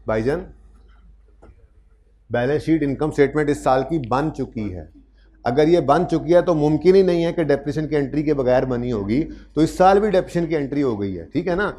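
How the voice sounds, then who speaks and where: Man lecturing a class, higher voice. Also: warm tone. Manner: explains step by step, calls students "beta" and "bhai", asks "theek hai na?"; raises his voice to project to the room. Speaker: accounting lecturer. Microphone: microphone in a classroom with hybrid online students.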